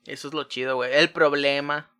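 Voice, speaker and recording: Bright-voiced blunt Mexican guy. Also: fairly high pitch, little pitch movement, brisk, clear, resonant tone. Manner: opinionated, blunt, casual slang. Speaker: podcast co-host. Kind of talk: casual chat.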